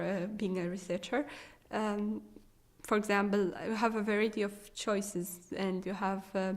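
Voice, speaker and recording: A young adult woman from Syria, who grew up speaking Arabic, works as a research assistant and responds to interview questions in hesitant English. Her mid-range voice carries a Syrian Arabic accent, with frequent fillers and restarts.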